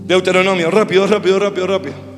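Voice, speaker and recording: High-voiced preaching man, echoey church. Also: little pitch movement, very fast. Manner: preaching, shouts and calls to the congregation. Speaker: pastor. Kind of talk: sermon. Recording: echoey hall with music.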